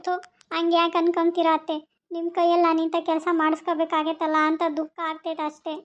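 A woman's voice: very high voice, monotone, fast, dry recording. A woman voicing a weepy bedridden young wife. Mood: sad. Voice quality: soft, weepy and quiet. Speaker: cartoon voice actor. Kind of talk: cartoon voice acting. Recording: dull lo-fi recording.

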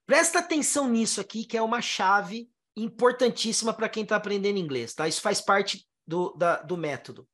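In a pronunciation lesson, a Brazilian-born teacher with an expressive, medium-pitched and fairly bright voice explains how English words sound. She goes step by step, stretching out syllables one by one, while putting rhetorical questions to her students.

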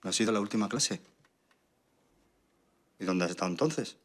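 A man's voice: on the low side, animated, normal speed. An actor playing a violent, abusive middle-aged father in a film drama, menacing one moment and screaming in rage the next.

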